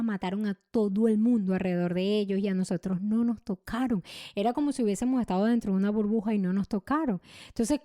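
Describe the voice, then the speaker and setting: Woman telling a personal story with halting restarts. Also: medium pitch, dark tone, no room sound, clean studio sound. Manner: emotional, halting, many restarts and repeated words. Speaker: podcast host.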